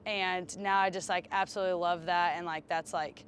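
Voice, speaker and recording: A young woman, a college softball player, answering interview questions casually with many fillers. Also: lowish voice, fairly even intonation, a little fast, slight background noise. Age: young adult.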